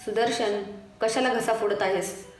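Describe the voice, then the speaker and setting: A woman's voice: medium pitch, steady tone, measured pace, distant mic, close to an everyday voice. A woman voicing a stern male police officer who talks in a firm, threatening way, in an echoey room with faint noise.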